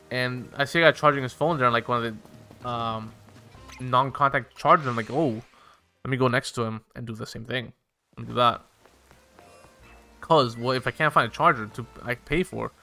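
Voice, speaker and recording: A man's voice: mid-range voice, sharp tone, clean tone. A young man casually telling a rambling, profane story while he plays a game. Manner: rambling, profane, filler-heavy.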